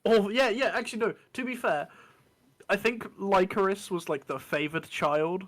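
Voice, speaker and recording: A man's voice: high-pitched, a bit bright. A man playing in a tabletop game, chatting casually and correcting himself as he goes. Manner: halting, self-correcting chatter. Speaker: player. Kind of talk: casual chat.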